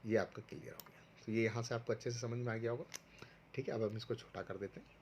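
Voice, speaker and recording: A man's voice: medium pitch, steady tone, quick pace, a little mellow, a little hiss or hum. A man teaching a recorded online lesson to first graders, patiently going step by step and sounding out syllables for pupils to repeat. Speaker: primary school teacher.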